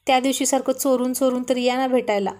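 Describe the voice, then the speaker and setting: A woman's voice: sits high, steady tone, quick pace, darkish tone, close to an everyday voice. Storybook role: affectionate, pouting young wife, read by a woman, coaxing tone. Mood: pleading. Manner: pleading and coaxing.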